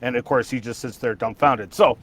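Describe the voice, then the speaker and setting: A man's voice: medium pitch, steady tone, fairly quick, a bit bright. A man hosting a casual livestream chat, rambling with restarts and laughter. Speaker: livestream host.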